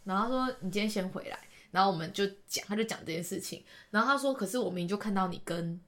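A young woman, a podcast guest telling a personal story in an animated way, laughing often and trailing off into restarts. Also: medium pitch, quick pace. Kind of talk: casual storytelling.

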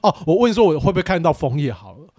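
A man's voice: a little high, very animated, quick pace, darkish tone. A man with a Taiwanese accent co-hosting a casual podcast, chatty and given to repeating short phrases. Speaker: podcast co-host. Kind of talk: casual chat.

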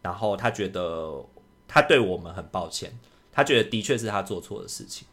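A man, co-hosting a casual podcast and retelling a story in an animated, indignant way. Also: low-pitched, brisk. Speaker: podcast co-host.

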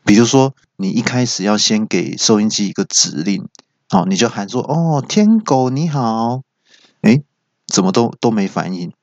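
A man's voice: fairly low pitch, moderate pace, no echo. Male comic host, storytelling, dry lo-fi sound. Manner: animated, stammering restarts. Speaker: comedy podcast host. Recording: dry, dull lo-fi.

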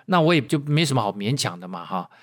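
A male preacher with a Taiwanese Mandarin accent tells a story from the pulpit. His delivery is animated and chatty, full of tag particles and quick restarts, and his voice sits at an ordinary middle pitch. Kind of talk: storytelling sermon.

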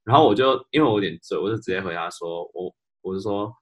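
A man with a somewhat low voice tells work stories in a relaxed podcast chat. He is animated and laughs often as he goes. He slips English words in mid-sentence. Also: fast talker. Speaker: podcast co-host. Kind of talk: casual storytelling chat.

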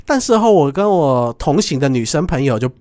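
A young man speaks with a Taiwanese Mandarin accent and a slightly high voice as he hosts a casual podcast. He tells his story animatedly, laughs a lot and acts out the voices in it. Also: big pitch swings, fairly quick, a little mellow. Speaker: podcast host.

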